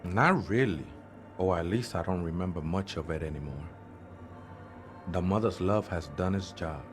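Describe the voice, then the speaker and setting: A drawling, spaced-out drifter who believes himself a seraph, as a man puts him on for a video game. His voice sits low, over faint music. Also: normal speed, lightly acted. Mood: flat. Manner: dreamy, drawling slang. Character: spaced-out male church squatter calling himself a seraph. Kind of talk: reading game dialogue aloud.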